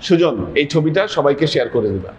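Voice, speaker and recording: A man's voice: on the high side, lively intonation, fast talker. A man teaching a pronunciation class, patiently repeating letter sounds for his students. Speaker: Sufi teacher leading a weekly class. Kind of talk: Quran pronunciation lesson. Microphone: livestream camera mic. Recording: echoey room with faint noise.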